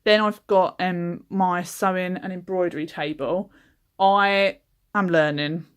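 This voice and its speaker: A young woman giving a chatty, relaxed tour of her small craft cabin, with frequent ums. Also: lowish voice, slow pace, smooth. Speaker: craft business owner giving a workshop tour. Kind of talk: casual walkthrough.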